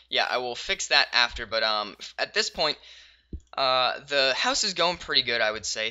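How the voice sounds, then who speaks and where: This gaming YouTuber speaks in a mid-range voice, offering easygoing let's-play commentary as he builds, thinking aloud with lots of pauses and filler words and occasional excited bursts.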